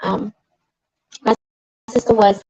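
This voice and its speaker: Speaking slowly in a mellow, slightly rough mid-range voice with little pitch movement, a woman in her forties addresses an outdoor rally in the rain as a grieving sister. Her protest speech is emotional and rises into angry, accusing outbursts. The dull lo-fi recording is dry.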